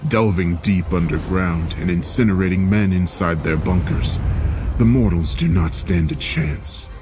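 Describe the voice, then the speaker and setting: A man's voice: sits low, over music. Man doing a sneering demonic tour guide. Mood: gloating. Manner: slow, sneering and menacing.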